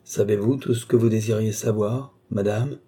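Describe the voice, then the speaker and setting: A man's voice: fairly low pitch, fairly even intonation, moderate pace, dark tone, slight background noise, natural voice. A man voicing an imperious mesmerist count who gives insistent commands. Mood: commanding.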